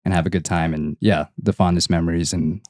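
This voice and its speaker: A man from Hawaii, a guest on a podcast. His voice is very deep. He talks in a laid-back, easygoing way about old times. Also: fairly even intonation, a little fast, darkish tone. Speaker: guest, host's cousin. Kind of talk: casual podcast chat.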